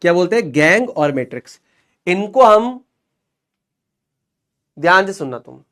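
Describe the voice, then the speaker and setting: A young man teaching a lesson in a lively, joking way, repeating questions and answers to drill them in. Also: sits high, measured pace. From Rajasthan, India. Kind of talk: explanatory lesson.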